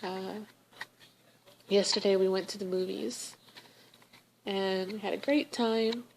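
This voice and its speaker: A young woman in a personal video diary, speaking in a halting, emotional way with many pauses. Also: medium pitch, fairly even intonation, vocal fry, a little mellow, a little hiss or hum, rough recording. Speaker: vlogger.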